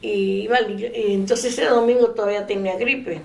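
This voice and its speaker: An older woman telling a faith story in a relaxed interview. She laughs often and trails off mid-sentence. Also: medium pitch, normal speed, creaky. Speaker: interviewee sharing a faith testimony. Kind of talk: casual storytelling. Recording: echoey room.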